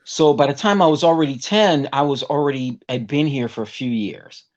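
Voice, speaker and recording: Guesting as a vocalist in a relaxed interview, a middle-aged tenor from Puerto Rico tells lively stories and imitates other people's voices. His voice is medium-pitched with a darkish tone, at a normal speed, and the sound is lo-fi.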